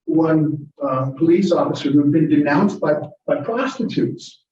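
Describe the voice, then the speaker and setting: With a slightly high, slightly mellow voice and a measured pace, a guest lecturer chats through an informal Q&A with his audience, drifting into tangents and chuckling. It was captured from a distance in a lecture room, so it sounds echoey and muffled.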